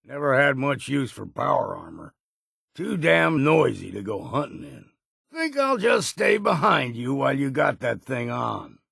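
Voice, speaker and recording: A grizzled old hunter from a video game, with a deeply gravelly, husky voice. He talks slowly in a folksy, old-timer way, gruff and wary but good-humored. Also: big pitch swings, a bit bright, dry recording, clean studio sound, exaggerated voice. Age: older. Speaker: video game companion character. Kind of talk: scripted game voice lines.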